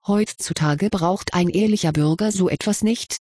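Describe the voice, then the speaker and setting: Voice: mid-range voice, moderate pace, a little mellow, breathy edge, dry recording, clean studio sound, close to an everyday voice. A reader voicing an arrogant, scheming aristocrat who speaks with a hiss in a storybook reading. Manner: arrogant, hissing.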